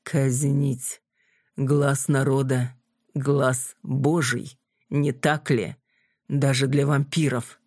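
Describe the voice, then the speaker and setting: Reader doing a vampire queen, lowish husky voice, slow and commanding, dry close sound. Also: flat delivery, a little mellow, no room sound. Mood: mocking. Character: cold, mocking female vampire queen. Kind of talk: audiobook character voice.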